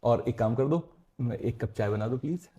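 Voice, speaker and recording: Bickering husband in a comedy skit. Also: male voice, medium pitch, normal speed, highs cut off, noisy background.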